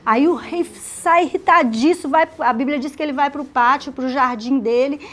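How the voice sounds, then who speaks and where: A woman leads a women's Bible study, retelling scripture as an animated story. Her voice sits high and she slips into characters' lines. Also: moderate pace. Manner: animated storytelling with acted dialogue.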